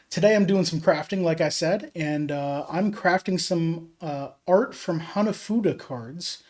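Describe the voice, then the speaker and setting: A casual streamer talks slowly and easily, dropping filler words while chatting to viewers. The mic has been pulled off its stand, so every word comes through echoey and hollow, as if from across a room. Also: medium pitch, a little mellow. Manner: easygoing and chatty, with many "uh" fillers. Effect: echoey, roomy sound from a mic off its stand. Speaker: livestreamer. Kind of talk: casual livestream chat. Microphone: desk mic moved off its stand for crafting. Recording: echoey room, mic set away from the speaker.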